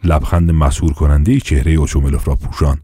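A man narrating an audiobook in a measured storytelling manner. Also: rumbling low, fairly even intonation, mellow, slightly rough, dry recording, studio quality.

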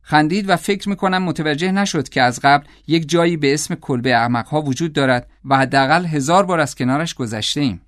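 A man reading an audiobook in a measured, calm storytelling manner. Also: on the high side, dry recording, clean studio sound. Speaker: audiobook narrator. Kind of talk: scripted audiobook narration.

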